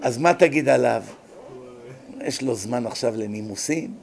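A man who is a rabbi giving a religious lecture, telling stories in an animated, emphatic way. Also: medium pitch, gravelly.

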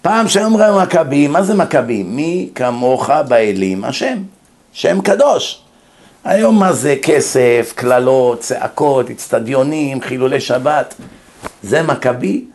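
A man giving a sermon-style Torah lesson to a class, lecturing in an animated way, with humorous scolding and stories. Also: mid-range voice. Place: class in Brooklyn.

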